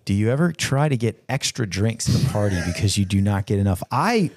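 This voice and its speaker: A man's voice: lowish voice, animated, fairly quick, darkish tone, a little hiss or hum. A man hosting a casual group podcast over a video call, upbeat and jokey as he leads the questions. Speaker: podcast host. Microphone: computer mic on a video call.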